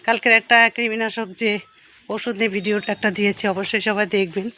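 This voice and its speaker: A woman's voice: medium pitch, steady tone, fast. Breathless woman health worker vlogging. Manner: gentle, coaxing, advising elders. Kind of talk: casual vlog talk to viewers. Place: outdoors by a village road.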